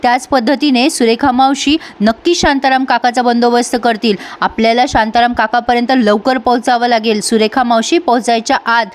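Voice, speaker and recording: A woman's voice: on the high side, fairly even intonation, fairly quick, few pauses, close to an everyday voice. A woman voicing a determined, good-hearted young village woman who speaks earnestly. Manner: earnest, resolute.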